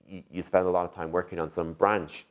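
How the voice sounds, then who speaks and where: A man with a low voice answers interview questions as a tech executive, speaking briskly and conversationally. He thinks aloud in an animated way, leaning on plenty of "you know" and "like".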